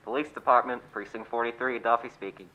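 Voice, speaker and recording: A man's voice: mid-range voice, steady tone, fast, heavy background noise, lightly acted. A man playing an unimpressed, patronising police desk officer in a suspense radio play, matter-of-fact, with muffled sound. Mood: bored, placating.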